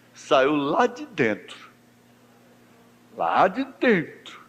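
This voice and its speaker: A male pastor preaching a sermon, swinging between soft low talk and high fervent cries, with a Brazilian Portuguese accent, recorded in a church. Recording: echoey church hall recording.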